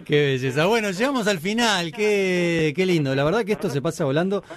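A man's voice: sits high, animated, fairly quick. A man hosting a comic radio show, effusive and given to repeated exclamations. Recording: clear music bed behind.

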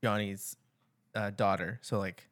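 A man co-hosting a podcast, chatting casually with lots of fillers and restarts. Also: on the low side. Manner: relaxed, halting, filler-heavy. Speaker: podcast co-host.

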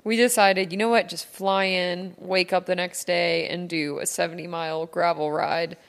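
Creaky, lower-voiced woman in casual chat. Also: level tone, normal speed, long reverb tail. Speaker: podcast co-host.

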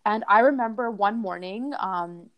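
A young woman co-hosting a podcast, telling a family story in a chatty, animated way, laughing often and full of "like" fillers. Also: mid-range voice, unhurried, lo-fi sound. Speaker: podcast co-host. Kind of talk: casual storytelling chat.

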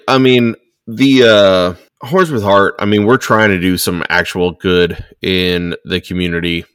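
Man, low voice, profane heated podcast rant, dry close sound. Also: a bit bright, clear, resonant tone, no echo. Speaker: podcast co-host.

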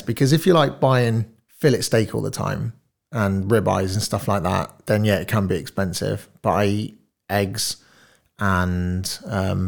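A man's voice: deep voice, gravelly. A man in his late thirties, a diet coach guesting on a podcast, telling his story in a laid-back way, laughing often and swearing casually. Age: 30s.

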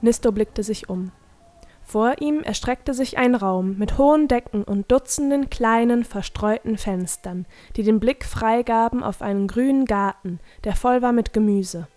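A woman's voice: fairly high pitch, a little slow, warm tone. Woman reading a storybook aloud. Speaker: narrator.

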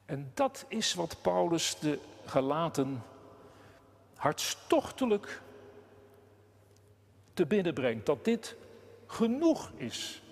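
A man preaching a sermon slowly and deliberately, with long pauses and passionate emphasis. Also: on the high side, big pitch swings, creaky, long reverb tail. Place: church.

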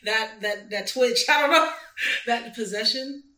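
Affirming woman host with a bright voice. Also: a little high, measured pace. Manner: warmly affirming, eager interjections. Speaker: talk show host. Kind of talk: casual interview chat. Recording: roomy echo.

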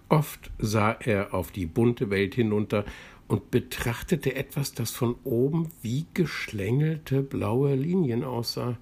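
A man reading a bedtime story aloud in a calm, gentle, measured way. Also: fairly low pitch, breathy edge.

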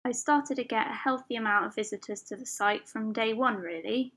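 A woman's voice: on the high side, fairly quick, a bit bright. A woman hosting her own podcast, talking in a chatty, personal way with small fillers and the odd laugh. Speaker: podcast host. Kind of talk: solo podcast monologue.

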